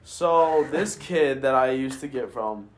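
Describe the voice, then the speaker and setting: Young frat bro, roomy echo. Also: male voice, medium pitch, slow. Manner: frat-bro slang, heavy use of "like", profane. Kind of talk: casual storytelling. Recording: echoey room.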